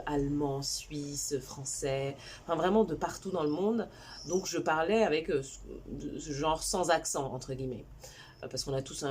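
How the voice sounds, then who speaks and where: A woman in her forties tells her life story straight to camera in a low, chatty voice, full of fillers and restarts. Faint ambient noise sits behind her. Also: darkish tone. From Cameroon, raised in China. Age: 40s. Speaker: entrepreneur and vlogger.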